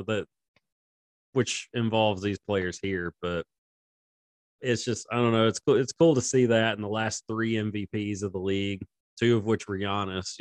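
A man with a lowish voice co-hosts a sports podcast in casual chat. He laughs a lot and breaks off his own sentences. The sound is dry and close to the mic. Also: no echo. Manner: laughs often, rambling and self-interrupting. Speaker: podcast co-host.

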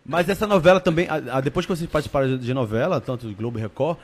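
A man's voice: mid-range voice, a crowd in the background. A man hosting a podcast, playful and teasing as he asks questions. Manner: playful, quick reactions, teasing. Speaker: podcast host. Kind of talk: casual interview chat.

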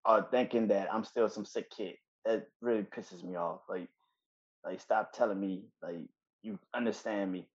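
A man co-hosting a podcast in casual chat, profane and quick to laugh. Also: fairly low pitch, husky, highs cut off. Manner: profane, laughs a lot, animated when heated. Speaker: podcast co-host.

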